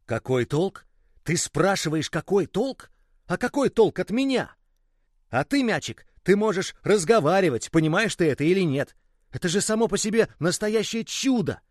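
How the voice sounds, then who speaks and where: Man voicing a young boy, calm, a bit raised pitch, storybook, dry sound. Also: brisk, no echo, lightly acted. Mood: excited. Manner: calm, growing excited. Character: calm young boy who longs for a friend.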